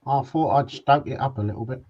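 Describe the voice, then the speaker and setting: Husky, lively man on muffled audio. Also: mid-range voice, a little fast. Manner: easygoing short reactions, often agreeing. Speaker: co-host of a hobby live show. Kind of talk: casual chat.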